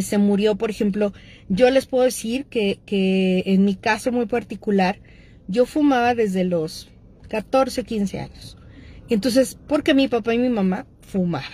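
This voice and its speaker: A middle-aged woman with a Mexican accent hosts a show about addictions, speaking in a mid-range, darkish voice. She talks casually and straight to her listeners, with plenty of filler words.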